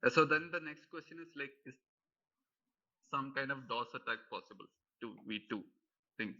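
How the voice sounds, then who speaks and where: A man on an online call asking technical questions, thinking aloud in halting phrases. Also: mid-range voice, bright, forceful tone. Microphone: video call. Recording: dull lo-fi call audio.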